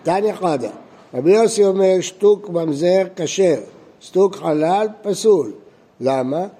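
A man's voice: high voice, mellow. A man teaching a page of Talmud as a rabbi, reading lines aloud and explaining them, often asking questions and then answering them himself. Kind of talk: explaining a text line by line.

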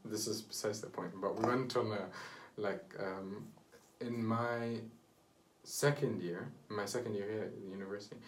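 A man's voice: on the low side, moderate pace. Young man rambling in an echoey room. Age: young adult. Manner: rambling, many fillers, laughs easily. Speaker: podcast co-host. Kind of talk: casual chat. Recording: roomy echo, far from mic, faint noise.

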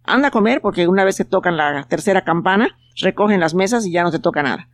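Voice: medium pitch, expressive, fast, close to an everyday voice. A storyteller voicing a schoolteacher in a children's tale, in a matter-of-fact, lecturing tone. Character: stern schoolteacher in a village of liars.

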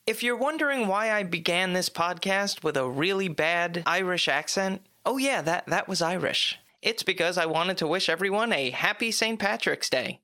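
Guy reviewing movies on his podcast, bright forceful voice, dry close sound, jokey. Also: on the high side, clean tone, dry recording. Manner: chatty, joking asides. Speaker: podcast host and film reviewer. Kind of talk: scripted podcast monologue.

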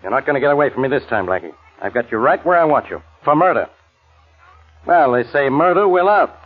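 A man's voice: medium pitch, lively intonation, a little fast, slightly rough, soft background music. An American actor playing an exasperated, suspicious male police inspector, blustering and insistent, in 1940s radio acting style. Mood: triumphant, blustering. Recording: tinny, narrow old-time radio recording.

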